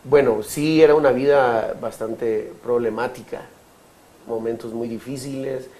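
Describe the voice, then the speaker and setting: A Guatemalan man in his thirties giving his testimony in an interview, speaking haltingly with many fillers and restarts. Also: medium pitch, fairly even intonation, dark tone, low-quality recording. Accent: Guatemalan Spanish. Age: 30s. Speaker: interview guest.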